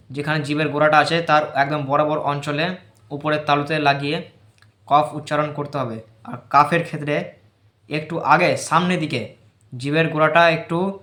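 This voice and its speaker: A man giving an informal lesson, explaining patiently and loudly repeating the letter sounds for practice. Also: fairly high pitch, roomy sound. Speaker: teacher of Quran letter pronunciation.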